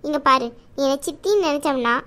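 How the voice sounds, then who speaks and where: A woman's voice: high-pitched, expressive, fast, bright, forceful tone. A woman voicing a middle-aged aunt in a cartoon, firm and bossy but affectionate. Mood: firm caring. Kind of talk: cartoon voice acting.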